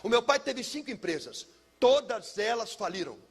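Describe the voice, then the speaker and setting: A middle-aged pastor with a high, gravelly voice and a husky edge tells his life testimony. He spins it like a dramatic story and sinks low and quiet at the painful parts. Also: sing-song, normal speed, soft background music. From São Paulo, Brazil. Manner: dramatic storyteller, drops low and soft for heavy moments. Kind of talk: personal testimony sermon.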